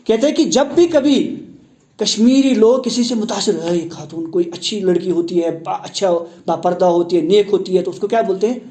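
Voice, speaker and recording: High-voiced man teaching a class. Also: warm tone. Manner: asks the class questions and repeats key words; explains word meanings, mixing in English terms. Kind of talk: classroom lecture explaining a text.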